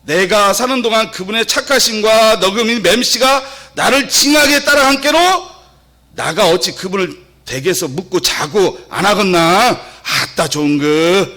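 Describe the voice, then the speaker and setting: A man putting on a folksy Jeolla dialect voice to recite a psalm, loud and exclamatory. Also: high voice, animated, measured pace, voice pushed up, heavily acted. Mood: playful.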